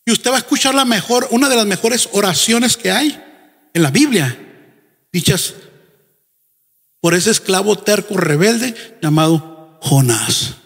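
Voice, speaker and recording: A man preaching a fervent sermon as pastor, firing rhetorical questions and shouting at the peaks. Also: high voice, animated, unhurried, pauses often, breathy edge, big-room sound.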